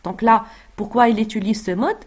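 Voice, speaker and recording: A woman's voice: a little high, moderate pace. A woman teaching French literature, talking through a scene with frequent fillers and restarts, reading quoted lines aloud. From Morocco. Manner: hesitant, many fillers and restarts. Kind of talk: explaining a literary text.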